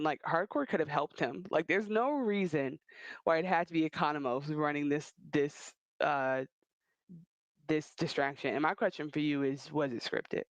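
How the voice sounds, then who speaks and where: Gravelly higher-pitched male podcast co-host. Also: dry recording, dull audio. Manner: animated, rambling, quick restarts. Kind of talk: casual chat.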